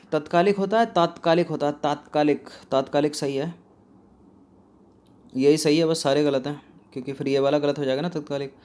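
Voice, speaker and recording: A man's voice: a little high, a little mellow. Man teaching, raised voice, quizzing students. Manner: talks to students directly, asks and then answers his own questions. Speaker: exam prep teacher. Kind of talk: spelling lesson walking through a practice test.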